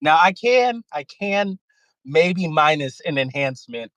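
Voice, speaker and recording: A man's voice: fairly high pitch, animated, measured pace, a bit bright, no echo. A man calling in over a phone to a live show, chatting casually in laid-back, bro-ish banter. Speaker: caller. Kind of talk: casual call-in chat.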